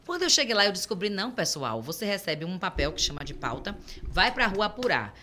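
A middle-aged woman with a Brazilian Portuguese accent, a podcast guest who tells stories in a lively way and acts out the dialogue. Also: medium pitch, fairly quick, a little hiss or hum. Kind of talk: conversational storytelling.

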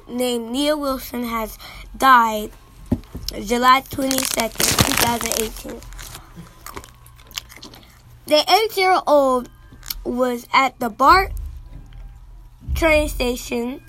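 A woman's voice: high-pitched, bright, forceful tone, a little hiss or hum, low-quality recording. A young woman from Miami hosting a casual talk show, telling stories in a rambling way. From Miami, Florida. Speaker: host.

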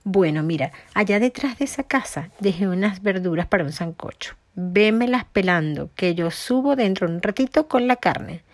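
Woman doing a big bullying tiger, slow and mocking, storybook beast, dry close sound. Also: mid-range voice, animated, dry recording. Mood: bossy.

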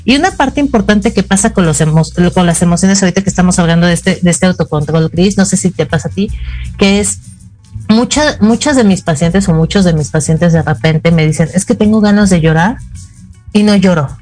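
A woman's voice: on the low side, fairly quick, darkish tone, faint music behind. A middle-aged woman with a Mexican accent, a psychologist co-hosting a casual talk show and explaining with frequent "ajá" fillers. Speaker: psychologist co-host.

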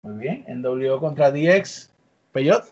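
A man's voice: mid-range voice, lively intonation, takes it slowly, darkish tone. A man hosting a podcast, chatty and upbeat as he leads the talk. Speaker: podcast host. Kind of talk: casual podcast chat. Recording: dull lo-fi podcast audio.

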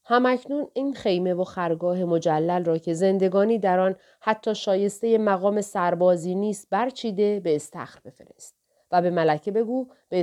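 A woman's voice: fairly low pitch, warm tone, close to an everyday voice. A woman reading a stern commanding king. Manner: firm, issuing orders. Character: commanding old Persian king, stern ruler.

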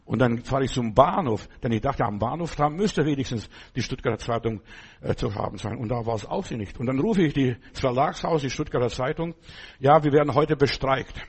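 A male pastor preaching a sermon, animated, swinging between loud bursts and low asides. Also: a little fast, breathy edge.

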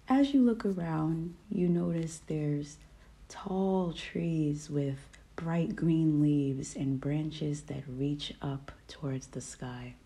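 A woman guiding a meditation in a calm, soft voice that often drops to a whisper. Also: deep voice. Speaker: podcast host. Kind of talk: guided meditation.

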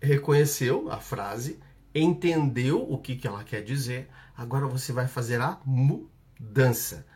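A coach with a Brazilian Portuguese accent hosts a live session, guiding the audience through an exercise in a medium-pitched, unhurried, darkish voice. He repeats his instructions and checks in with short tags.

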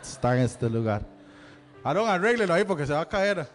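A man's voice: fairly high pitch, very animated, brisk. A male pastor with a Central American Spanish accent, giving chatty church announcements and joking with the congregation. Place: church sanctuary. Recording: long hall reverb with faint music.

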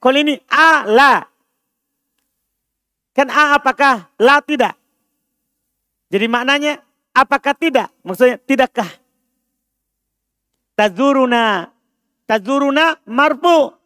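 A man's voice: extremely high pitch, takes it slowly, pauses often, sharp tone, clear, resonant tone, no echo, studio quality. A man teaching an Arabic grammar class at a mosque, repeating terms, translating them and quizzing his students. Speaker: Islamic religious teacher.

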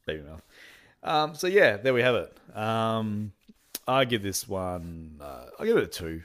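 A man's voice: lowish voice, very animated, unhurried, a bit bright. A man hosting a podcast, recapping an episode in casual chat, rambling with lots of fillers and restarts and laughing often. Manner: acts out characters' lines when retelling. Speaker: podcast host.

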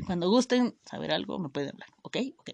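A young vlogger with a Mexican accent tells her viewers a personal story in a casual, slangy way, packed with fillers and free swearing, and she cuts herself off to restart often. Her fairly low voice is creaky, with lively intonation and a moderate pace, on a dry recording.

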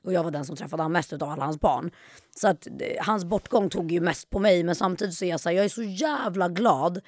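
A woman's voice: lowish voice, no echo, clean studio sound. A woman in her twenties, a podcast guest, telling stories in casual chat and acting out what people said with her voice raised. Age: 20s. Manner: animated storytelling, acts out quotes with a raised voice. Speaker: guest, YouTuber.

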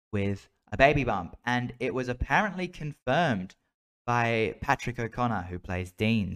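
Here a fairly low-pitched Australian man with a clean tone hosts a podcast, riffing solo about a TV soap in an easygoing, conversational manner.

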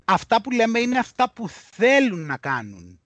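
A man hosting a podcast, talking in an animated, indignant way and reading news aloud mockingly. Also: very high-pitched, no room sound. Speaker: podcast host. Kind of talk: heated podcast discussion.

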